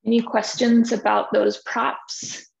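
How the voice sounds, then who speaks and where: Gravelly-voiced woman fitness instructor. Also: fairly high pitch, takes it slowly, dull audio. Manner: relaxed, chatty, loose with fillers. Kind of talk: live online class intro. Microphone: video call.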